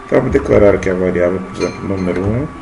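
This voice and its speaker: A man in his thirties rattles off a programming lesson at rapid-fire pace while typing code on screen, dropping frequent "tá?" check-ins. His voice sits low, gravelly yet mellow, and the room behind him is noisy.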